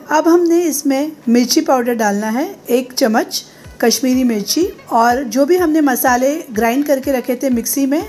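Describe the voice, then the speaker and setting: A woman with a high, soft and mellow voice talks through a recipe step by step in a calm, even voice-over. Faint music plays underneath her. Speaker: cooking show host. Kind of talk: voice-over cooking instructions.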